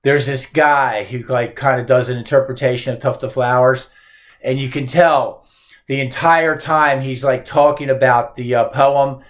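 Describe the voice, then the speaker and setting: A man's voice: medium pitch, fairly even intonation, a little slow. A male teacher lecturing on a poem, posing emphatic rhetorical questions.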